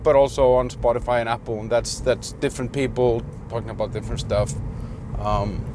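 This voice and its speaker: A man's voice: medium pitch, a little mellow, slight background noise. Rambling man from Iceland. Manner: rambling, many fillers and restarts. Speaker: vlogger. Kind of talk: casual vlog monologue. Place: in a car.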